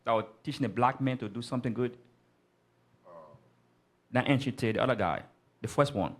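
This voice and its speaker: Brief: male Bible class teacher, emphatic and repetitive, mid-pitched voice, keeps calling for verses to be read again. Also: normal speed. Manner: emphatic, repetitive, prompts the reader often. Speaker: teacher leading a scripture class. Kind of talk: street-corner style Bible class teaching.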